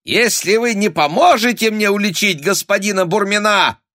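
A man's voice: mid-range voice, big pitch swings, unhurried, fairly bright tone, dry recording, studio quality, pitched above the performer's own voice, heavily acted. A man voicing a spiteful, scheming nobleman who grimaces and shrieks his threats. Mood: shrill threats.

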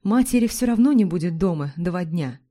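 A woman narrating a first-person story in an even, confessional tone. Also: fairly low pitch, normal speed.

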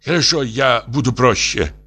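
A man voicing a drunk, distraught middle-aged professor who pleads in high, drawn-out wails. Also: animated, sharp tone, slightly rough, faint music behind. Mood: anguished.

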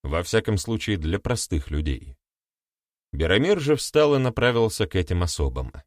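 A man narrating an audiobook in a wry, lively storytelling manner. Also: low-pitched, moderate pace, dry recording, clean studio sound. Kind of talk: scripted narration.

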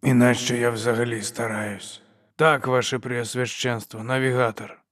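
A man's voice: mid-range voice, little pitch movement, moderate pace, a bit bright, no room sound, clean studio sound, close to an everyday voice. A man voicing a crippled male inquisitor with a wry, sardonic manner.

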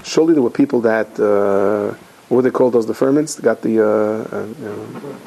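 A middle-aged man, a rabbi, giving an animated storytelling sermon with many Hebrew and Yiddish terms, acting out the people in his stories. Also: fairly low pitch, normal speed, creaky, a little hiss or hum, rough recording.

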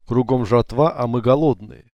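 A man's voice: mid-range voice, normal speed, a little mellow, no room sound, muffled recording, lightly acted. A man reading an audiobook and voicing a brash, crude young male thug who blurts out coarse slang. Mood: rough excited.

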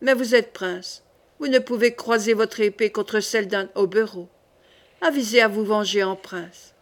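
A woman's voice: medium pitch, normal speed, natural voice. A woman voicing a cold, commanding queen mother in an audiobook reading.

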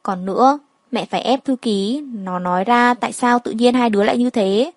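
Woman reading as a soft-spoken older mother-in-law, coaxing and confiding, fairly high voice, dry close sound, storybook reading. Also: moderate pace, dry recording.

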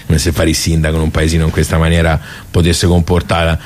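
Here a chatty village club regular with a Tuscan accent wanders through folksy, digressive memories in a deep male voice, in the style of a colloquial radio theatre monologue. He talks fast and in a monotone, sounding nostalgic and wry.

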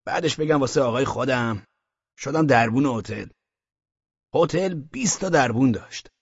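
A man's voice: medium pitch, breathy edge, dry recording, highs cut off. A man voicing a boastful, talkative grown man who complains while telling his own story in an audiobook. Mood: aggrieved boasting. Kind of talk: audiobook character reading.

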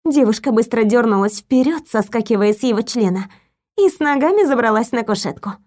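A woman reads a novel aloud as its narrator. Her voice is high, and she tells the story in a steady, even way. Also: brisk. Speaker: audiobook narrator. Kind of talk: scripted narration.

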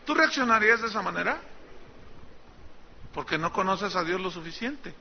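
Pastor, chatty storytelling sermon, highish voice, bit muffled with faint room noise. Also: male voice, expressive, normal speed, gravelly. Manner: conversational storytelling, teasing the congregation.

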